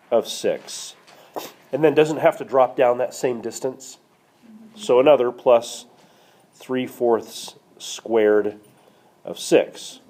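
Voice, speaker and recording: A man's voice: mid-range voice, darkish tone. A man teaching a math class, walking students through a problem and checking in with them, with a cough now and then. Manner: checks in with students, asks questions. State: coughing, slightly hoarse. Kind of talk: classroom lecture screencast. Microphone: tablet screencast mic.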